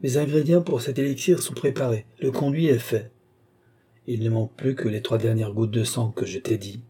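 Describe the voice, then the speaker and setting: A man's voice: medium pitch, fairly even intonation, moderate pace, dark tone, breathy edge, natural voice. A man voicing a frail, bedridden, tyrannical old male alchemist in an audiobook, imperious and scornful. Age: older. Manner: imperious, scornful, rising to fierce outbursts. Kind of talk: audiobook character reading.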